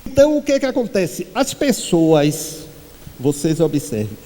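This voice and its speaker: A man giving a spiritual talk to a congregation, telling humorous anecdotes and acting out the quoted voices in a high pitch. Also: sing-song, measured pace, dark tone, long reverb tail. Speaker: spiritual speaker. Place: meeting hall.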